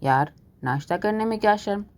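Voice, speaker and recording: A woman's voice: medium pitch, expressive, brisk, a little mellow, natural voice. A woman voicing a playful middle-aged male doctor who jokes his way through being scolded by his wife, in a told storybook. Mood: teasing. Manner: joking, easygoing.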